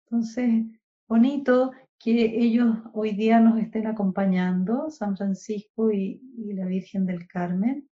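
A woman's voice: medium pitch, unhurried, dark tone, muffled recording. A woman guest on a live conversation, talking in an earnest, reflective way about spiritual matters. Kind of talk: casual spiritual chat.

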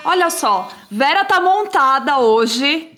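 A Brazilian woman co-hosting a podcast in casual, excitable chat, with a gushing, slangy manner. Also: high-pitched, takes it slowly, faint music behind. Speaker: podcast co-host.

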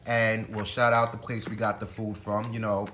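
A young man co-hosts a casual food vlog. He talks in an easygoing way and pauses often with hesitant ums. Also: on the low side, level tone, a bit bright, slight background noise. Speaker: co-host.

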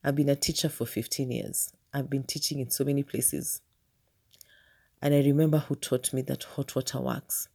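A woman's voice: very deep voice, fairly even intonation, moderate pace, gravelly, mellow, slightly rough. A Kenyan woman with a Kenyan accent, a teacher telling a personal story in a casual, humorous vlog and speaking straight to her viewers.

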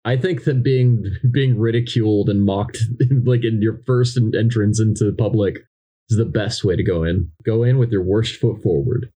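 A young man co-hosts a book podcast and drops dry, sarcastic remarks between plot points. His voice is low and mellow with a slightly husky edge. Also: normal speed. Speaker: podcast co-host. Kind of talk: casual book discussion.

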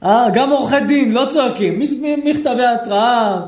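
A man, a rabbi, teaching a lively Torah lesson, questioning his listeners and acting out shouting people. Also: extremely high pitch, roomy sound. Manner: animated, asks the audience questions, acts out shouting people.

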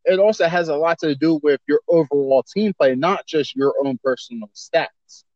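A man co-hosting a laid-back podcast, voice sitting a little high for a man, chatting in loose slang and lively banter. The sound is dry and slightly muffled, with a dull, lo-fi edge. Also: moderate pace, no room sound. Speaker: podcast co-host. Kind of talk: casual chat.

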